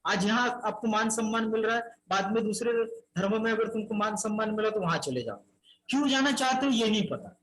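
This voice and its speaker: A man with a high-pitched voice leads a Buddhist Dharma talk. He tells a life story earnestly, speaking as if in the first person, and addresses the crowd as brothers and sisters. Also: lively intonation, a little fast, a bit bright, a little hiss or hum, poor audio. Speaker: Buddhist teacher.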